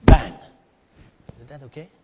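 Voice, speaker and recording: A middle-aged storytelling teacher with an Indian accent delivers a personal story to a live audience, acting out exclamations and directing questions at them. He speaks a little slowly in a dark tone, and the hall gives a long reverb.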